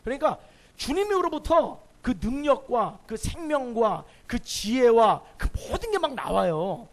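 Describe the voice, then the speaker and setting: A man's voice: very high voice, big pitch swings, unhurried. A man preaching a sermon in a church, who speaks emphatically and keeps asking the congregation rhetorical questions. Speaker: pastor.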